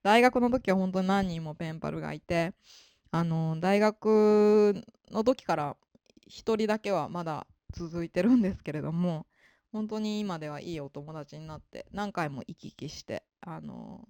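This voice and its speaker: A woman explaining how to learn a language in a relaxed spoken lesson. Her pitch rises and falls a lot as she talks, and she stays polite, with many fillers. The recording is dry and close. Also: normal speed, clean tone, no room sound. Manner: polite, with frequent fillers and emphatic ですね. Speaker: English-learning advisor.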